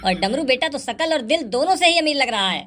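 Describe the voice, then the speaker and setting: A woman's voice: high voice, expressive, a little fast, fairly bright tone. A woman voicing a pushy, wheedling male beggar in a cartoon, with a pleading, scolding manner. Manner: whining, pleading, then scolding.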